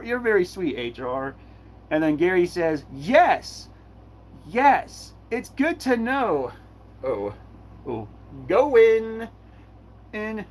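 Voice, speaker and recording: A man hosting a live stream Q&A, reading chat messages aloud and answering in a halting way, repeating himself often. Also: high voice.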